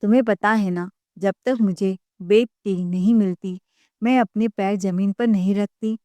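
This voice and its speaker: A woman narrator puts on a pampered young wife with a haughty, sulky way of talking. Her voice is mid-pitched and dry, close to the mic. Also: steady tone, measured pace, warm tone, no echo, natural voice.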